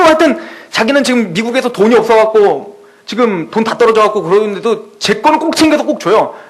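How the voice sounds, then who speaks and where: High-voiced man preaching a lively sermon. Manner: lively storytelling with quoted voices. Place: church sanctuary.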